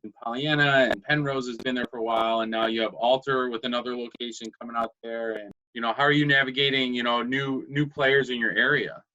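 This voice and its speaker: A man's voice: mid-range voice, steady tone, fairly quick, hardly any pauses, bright, forceful tone. A man asking questions as an interviewer in a casual, chatty style. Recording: slightly dull, lo-fi audio.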